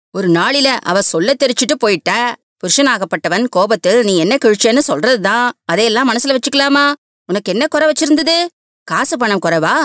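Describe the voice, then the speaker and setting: ஒரு பெண் நடிக்கும் திட்டும் வயதான மாமியார். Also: female voice, a bit bright, no room sound, clean studio sound. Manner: high-pitched, complaining, lecturing. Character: older scolding mother-in-law, aggrieved and preachy.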